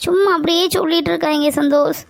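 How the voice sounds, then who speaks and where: A woman's voice: very high voice, fairly even intonation, fast, gravelly, no echo. A young woman in a scripted romantic drama, pleading and apologetic. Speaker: girlfriend in a family skit.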